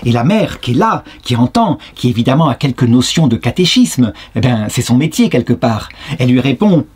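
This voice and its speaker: Husky-voiced man telling a story. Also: medium pitch, fairly quick. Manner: lively, talks to listeners, acts out characters. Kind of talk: storytelling lecture.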